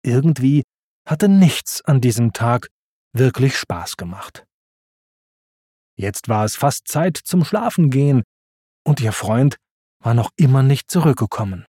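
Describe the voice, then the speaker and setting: A narrator reading a children's storybook aloud in a slow, expressive manner on a close studio mic. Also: medium pitch, no echo.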